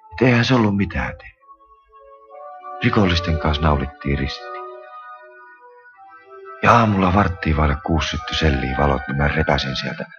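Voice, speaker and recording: Very deep-voiced man telling his testimony. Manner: earnest, colloquial storytelling with a recurring stock phrase. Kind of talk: spoken conversion testimony. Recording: dull lo-fi recording with music behind.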